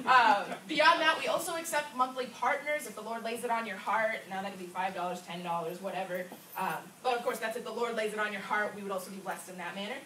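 Brief: energetic young woman from Florida, church announcements, echoey hall, far camera. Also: on the high side. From Orlando, Florida. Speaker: drama ministry team leader. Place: church hall with a wooden floor, indoors. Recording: echoey room from far off, noisy.

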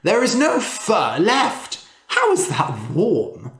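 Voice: medium pitch, huge pitch swings, slow pace, fairly bright tone, a little hiss or hum, pitched above the performer's own voice, full character voice. A storyteller voicing an eager, insistent rich man who is easily fooled, heard in a roomy echo. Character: gullible rich man in fur coat.

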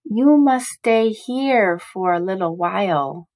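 A woman's voice: mid-range voice, lively intonation, takes it slowly, a little mellow. A woman reading aloud, voicing a mother who tries to sound cheerful. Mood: reassuring. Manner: forced cheer. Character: mother trying to stay cheerful.

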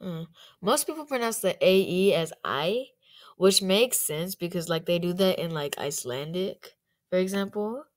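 A woman's voice: lowish voice, lively intonation, normal speed. A young woman giving rambling, chatty commentary in a casual vlog, with plenty of fillers. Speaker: YouTuber.

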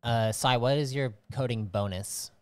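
Man running a tabletop game, smooth voice. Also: mid-range voice, unhurried, a little mellow, no echo. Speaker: game master.

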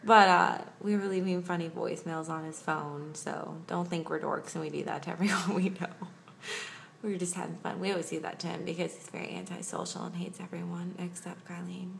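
Creaky-voiced young woman chatting casually. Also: fairly low pitch, fairly even intonation, brisk. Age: young adult. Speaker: vlogger. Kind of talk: casual chat to camera. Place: small indoor room at home. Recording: faint background noise.

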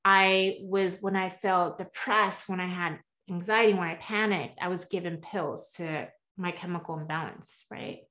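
An earnest woman guest coach, born in the US and partly raised in Taiwan, speaks on a video call from a home room with shelves. Her voice is on the low side and a little slow, with hardly any pauses, as she candidly tells her story with animated hand gestures and frequent "right?" asides.

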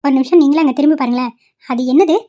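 A woman's voice: sits high, rapid-fire, mellow, highs cut off, lightly acted. A woman voicing a stubborn, devoted young wife in a cartoon, pleading and insistent. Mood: gentle. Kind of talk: cartoon voice acting.

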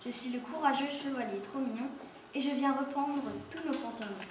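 A woman's voice: sits high, moderate pace, close to an everyday voice. A woman voicing a small, brave-talking male puppy knight in a read-aloud storybook. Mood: earnest. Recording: echoey room, far from mic, noisy.

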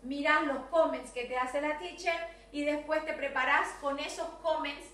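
A high, bright-voiced Argentine woman teaches English to small children, slowing down to drill phrases and sometimes singing. She sounds far from the mic in a very echoey room with faint noise behind her. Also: fairly even intonation. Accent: Argentine Spanish. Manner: sings songs, drills sentences slowly for children. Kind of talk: online video class.

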